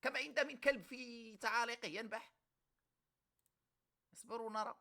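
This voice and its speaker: Egyptian male streamer, Egyptian Arabic accent, bright edgy tone, sarcastic comment reactions. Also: very high voice, steady tone, moderate pace, vocal fry. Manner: mocking, sarcastic, reads comments aloud.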